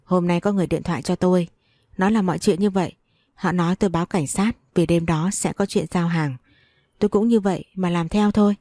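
A guarded young businessman, measured and matter-of-fact, as a woman reading the story puts him on. The voice is mellow and lowish, and the recording is dry. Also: no echo.

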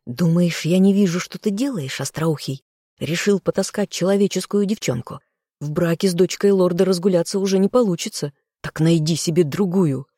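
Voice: mid-range voice, normal speed, dark tone, no room sound, clean studio sound, close to an everyday voice. A reader voicing a hot-headed young man who insults the heroine in an audiobook. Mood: taunting. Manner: sneering, snapping.

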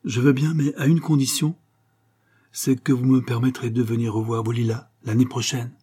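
A man voicing a kind young doctor who scolds gently and tenderly in a storybook reading. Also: mid-range voice, flat delivery, moderate pace, husky, voice pushed up, natural voice.

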